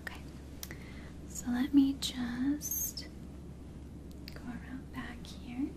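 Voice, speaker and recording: A young woman playing an attentive, gentle flight attendant in a soft, soothing whispered role-play. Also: high-pitched, level tone, extremely slow, noisy background. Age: young adult. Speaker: ASMR performer.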